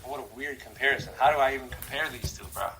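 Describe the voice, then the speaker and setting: A man from Croatia, a guest in a casual rapid-fire this-or-that interview, talking in an animated, slangy way with lots of "bro" and "like". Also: medium pitch, background noise.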